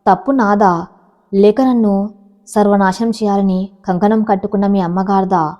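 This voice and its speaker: A composed, resolute young wife who speaks in firm, measured words, read by a woman narrator. The tone is soft and mellow. The sound is dull and lo-fi. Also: mid-range voice, fairly even intonation, lightly acted.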